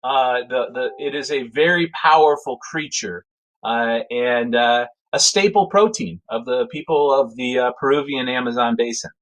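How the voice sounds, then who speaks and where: A man telling a casual spoken anecdote in a rambling, animated way, full of fillers and restarts. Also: medium pitch, normal speed, rough recording. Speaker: storyteller.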